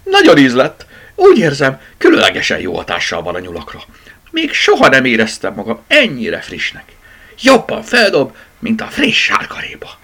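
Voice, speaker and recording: A man voicing a giddy, hyperactive toy rabbit in a children's storybook, squeaky and bouncy. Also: big pitch swings, few pauses, a bit bright. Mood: excited.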